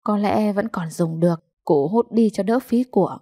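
A woman narrating a short story in a calm, measured storytelling voice. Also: mid-range voice, no echo, studio quality. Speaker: audiobook narrator.

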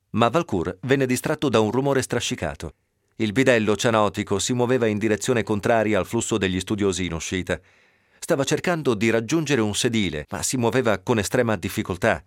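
A man reading a novel aloud on radio in a steady, even storytelling manner. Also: lowish voice, no echo, clean studio sound. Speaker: narrator.

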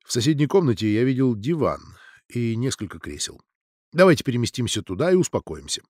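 A man's voice: medium pitch, very animated, a little fast, a little mellow, no room sound. A man voicing a composed, stern male doctor who speaks in a dry, official tone. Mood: calm, dry.

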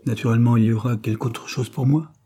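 A man's voice: medium pitch, steady tone, fast talker, mellow, slight background noise, pitched above the performer's own voice, close to an everyday voice. A man playing a sulky pampered young man. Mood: petulant. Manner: whiny, petulant.

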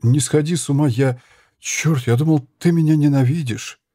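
Man reading a gruff mercenary. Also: on the high side, moderate pace, dark tone, no echo, studio quality, pitched above the performer's own voice, lightly acted. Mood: urgent. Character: rough male mercenary, gruff and protective.

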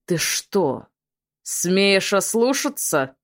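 A woman's voice: on the low side, lively intonation, normal speed. A woman reading an audiobook, voicing a cruel, domineering male demon lord who barks orders with scorn. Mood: angry barking.

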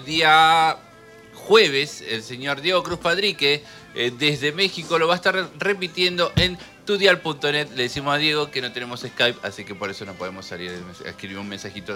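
A man with an Argentine Spanish accent hosting a radio show, talking in an animated, joking way and laughing often. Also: on the high side. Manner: animated, laughs often while telling jokes. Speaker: radio host. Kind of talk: jokey radio talk. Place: radio studio.

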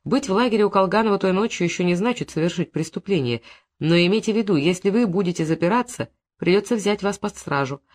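Reader doing a calm investigator guy, measured and firm, audiobook. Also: mid-range voice, lightly acted.

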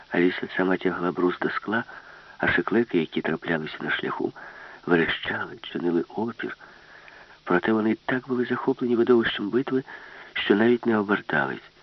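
A man narrating an audiobook with a lively, expressive reading. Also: low-pitched, dry recording. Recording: dull, lo-fi, dry.

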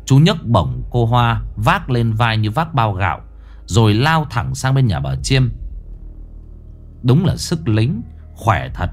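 A man narrating a ghost story in a suspenseful, expressive way. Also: medium pitch, slow pace, faint music behind.

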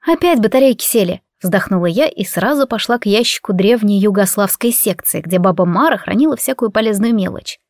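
A woman reads a first-person story in a reflective, gently wry way. Her voice sits in a middle pitch. The recording is dry, with no room sound. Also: fairly quick, few pauses, no echo. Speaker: audiobook narrator. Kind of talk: first-person audiobook narration.

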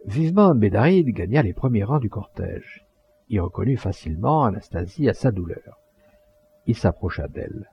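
A man reading a novel aloud as an audiobook narrator, measured and expressive, on a close, dry mic in a dull lo-fi recording. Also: fairly low pitch, vocal fry, husky. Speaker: audiobook reader.

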